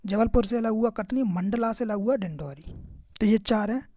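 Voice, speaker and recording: A man's voice: sits high, moderate pace, darkish tone, no echo, clean studio sound. A male teacher, giving a casual exam-prep lecture and constantly asking listeners to remember each fact. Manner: keeps repeating "okay" and "remember this", quizzing listeners.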